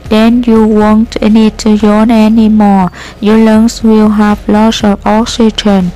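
A woman reading the part of a patient adult schoolteacher, explaining calmly in a slow, steady read with hesitant fillers. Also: mid-range voice, natural voice, rough recording.

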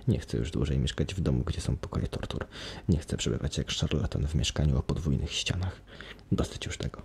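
A man's voice: extremely low pitch, gravelly, darkish tone, a little hiss or hum, full character voice. A man voicing an obsessive, manic masked man who talks feverishly and boasts, in an ASMR bedtime storybook reading. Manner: feverish, wheedling, then boastful.

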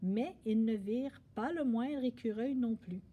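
A woman reading a picture book aloud at a library story hour, expressive and animated. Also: on the high side, measured pace.

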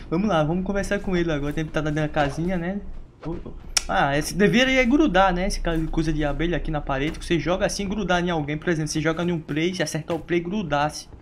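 A Brazilian man casually commenting on his own gameplay, playful and quick to laugh as he teases opponents. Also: fairly high pitch, slight background noise. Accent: Brazilian Portuguese. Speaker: gaming streamer.

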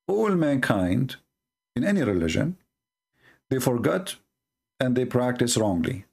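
A man with a mid-range, creaky, husky voice hosts a heated debate over screen share. A native Arabic speaker, he reads on-screen texts aloud in a mocking, combative way as he comments.

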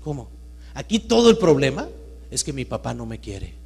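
A man giving a live talk to an audience, swinging between loud emphatic bursts and hushed storytelling. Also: mid-range voice, big pitch swings, normal speed, gravelly, husky. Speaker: motivational speaker. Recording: reverberant hall with mains hum.

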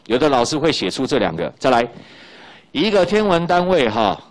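A middle-aged man with a Taiwanese Mandarin accent teaching high school physics in a recorded lecture, chatty, tagging lines with little fillers and repeating key points. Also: very animated, normal speed.

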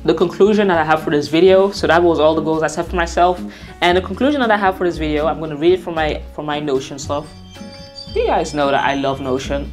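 Low-voiced young woman vlogging candidly. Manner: candid, rambling, self-correcting. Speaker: vlogger and designer. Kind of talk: casual to-camera vlog talk.

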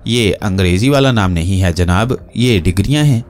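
A young prisoner who stammers timidly and plays innocent, as a male narrator voices him. His halting, wide-eyed delivery hides a sly streak. Faint music hums under the storybook reading. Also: fairly low pitch, lively intonation, lightly acted. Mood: mock innocent.

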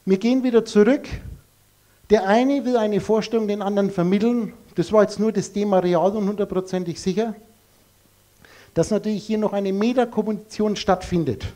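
A man's voice: sits high, moderate pace, mellow. A man giving a live lecture to an audience in a blunt, emphatic way, full of rhetorical questions.

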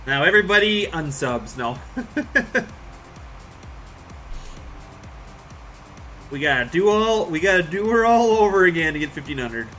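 A man's voice: fairly high pitch, lively intonation, fairly quick, few pauses, bright, forceful tone, faint music behind. A man, live streaming a farming game and chatting casually with viewers in a rambling, joking way. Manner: laid-back, rambling, joking with chat.

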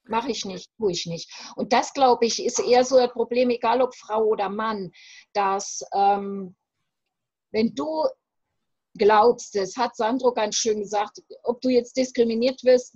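A separation coach from West Germany, a woman in her fifties, appears as a guest in a reflective interview over a video call from a room at home. Her husky, fairly high, darkish voice comes across emphatic and halting. The computer microphone gives muffled, dry sound with no echo.

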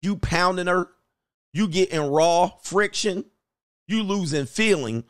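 Male reaction host, lively and joking, acts out quotes, slightly high pitch, dry close mic. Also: slow, clean tone, no room sound. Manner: animated, slangy, acts out quotes and laughs often. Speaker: commentary channel host. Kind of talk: casual reaction commentary.

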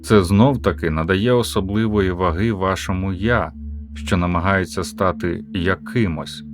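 Man, lowish voice, audiobook narration, measured rhetorical questions, faint music behind. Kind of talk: scripted audiobook narration of a philosophical talk.

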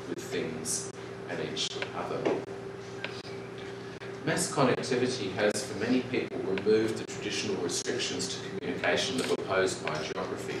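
A middle-aged man giving a conference keynote from a podium in a large lecture hall, talking in a measured, reflective way with occasional ums and restarts. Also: low voice. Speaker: keynote speaker. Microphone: podium mic, recorded by far camera. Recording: echoey hall from far off, loud noise.

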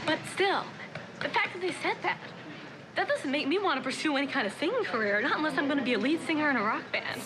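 A woman's voice: sits high, expressive, fast talker, background noise. A young American woman, a rejected contestant, giving an upset reality TV interview while holding back tears. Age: young adult. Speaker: rejected talent show contestant. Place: hotel lobby and audition room.

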